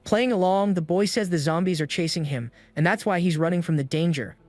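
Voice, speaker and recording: A man's voice: high-pitched, a little fast, no echo. Man narrating a story recap over music. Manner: even, steady retelling in third person.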